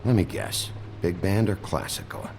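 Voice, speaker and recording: A low, gravelly male wolf detective in a video game. He is terse, dry and suspicious, with a lively swing in his pitch. Music plays underneath. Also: normal speed, heavily acted. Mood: dry, probing. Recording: music behind the voice.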